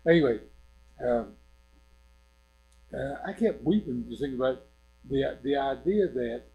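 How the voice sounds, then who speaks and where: A man's voice: mid-range voice, lively intonation, unhurried, dark tone, low-quality recording. An older man preaching an informal sermon in a church, rambling in a conversational way and often checking in with his listeners.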